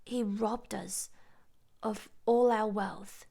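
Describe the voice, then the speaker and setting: A woman's voice: medium pitch, fairly even intonation, slow pace, gravelly. Urgent young boy Jack, as a woman voices him. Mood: indignant. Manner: urgent, shouting.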